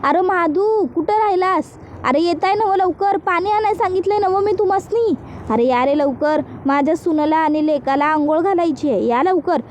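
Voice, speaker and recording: A woman's voice: high-pitched, moderate pace, hardly any pauses, darkish tone, slight background noise, lightly acted. A woman voicing a scheming older village mother-in-law in a serial recap, with rustic fussing speech. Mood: shouting. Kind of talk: reading a character's lines in a serial recap.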